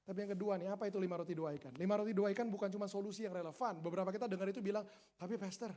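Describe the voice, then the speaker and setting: Animated male pastor with slang. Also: sits high, racing. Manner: animated, humorous, colloquial, swings from loud peaks to quiet asides. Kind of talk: sermon. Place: church service.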